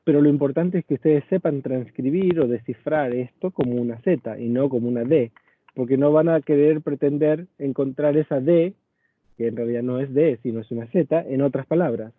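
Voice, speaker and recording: A man's voice: medium pitch, moderate pace, no room sound. Man teaching, tinny phone-like audio. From Argentina. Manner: patient, explanatory, addresses students directly. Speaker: paleography teacher. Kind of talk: online lecture.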